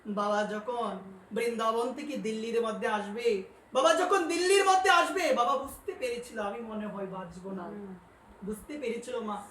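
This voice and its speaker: A man preaching a devotional sermon, questioning his listeners, addressing them as mother, and rising to loud, emphatic peaks. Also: very high-pitched, moderate pace. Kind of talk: devotional sermon with call-and-response. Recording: roomy, distant mic with faint noise.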